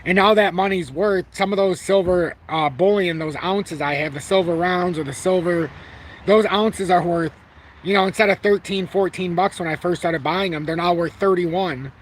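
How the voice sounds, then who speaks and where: A man's voice: high-pitched, normal speed, a little hiss or hum. A man of forty, brash and rambling, who swears casually and keeps correcting himself as he hosts a casual live stream. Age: 40s. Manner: talks about himself through frequent self-corrections. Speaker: crypto channel host.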